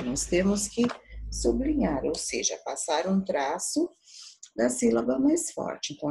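A Brazilian woman teaching a primary school class, patiently sounding out syllables slowly for young children. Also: deep voice, gravelly, darkish tone, breathy edge, poor audio. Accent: Brazilian Portuguese. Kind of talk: slow, patient remote class lesson.

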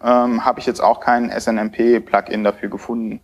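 A man's voice: on the low side, flat delivery, a little slow, highs cut off. Hesitant man giving a tech talk. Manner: hesitant, many filler sounds. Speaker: conference speaker. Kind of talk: technical conference talk. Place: lecture hall at a podium.

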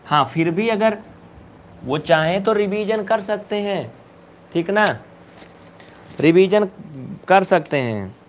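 A man teaching a live online maths class, brisk and coaxing, urging students to answer quickly and scolding them playfully. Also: high-pitched, lively intonation, slight background noise.

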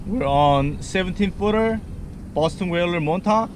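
A man hosting a fishing vlog from a small boat at sea, talking casually to a chest-mounted camera and reacting with excited exclamations. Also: high-pitched, a little slow. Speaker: fishing vlogger host. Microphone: action camera on the chest. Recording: loud wind and boat noise outdoors.

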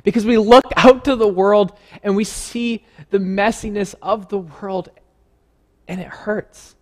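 A man's voice: high-pitched, steady tone, a little slow. A man preaching a sermon in a church, earnest and conversational, asking the listeners questions.

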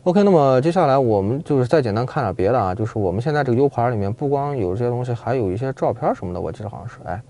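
A man chatting casually as a car reviewer inside a car, quick and full of fillers. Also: mid-range voice, lively intonation, dark tone. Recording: music playing in the background.

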